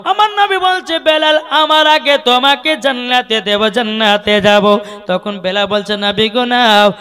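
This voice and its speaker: A man's voice: extremely high pitch, pushed and bright, faint music behind. A male preacher telling a story in a sung sermon style, drawing out melodic phrases and calling on the crowd to answer. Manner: sings lines in drawn-out melodic phrases, calls crowd to respond.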